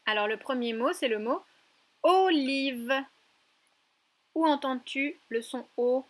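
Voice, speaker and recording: A woman teacher giving a recorded lesson to young children, speaking slowly and clearly and addressing the child directly. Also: a little high. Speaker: preschool teacher.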